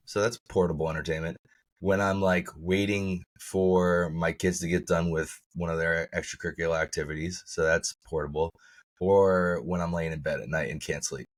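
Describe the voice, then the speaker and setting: A man co-hosting a podcast in casual chat, sounding tired and froggy as he comes down with a cold, rambling and swearing. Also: normal speed. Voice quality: husky, low and froggy. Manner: rambling, profane, laughs often. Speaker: podcast co-host.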